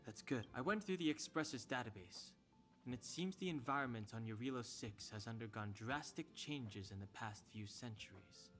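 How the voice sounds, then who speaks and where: A man's voice: medium pitch, expressive, moderate pace, a bit bright, soft background music, close to an everyday voice. A man voicing a reserved, matter-of-fact young man in a video game. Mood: calm.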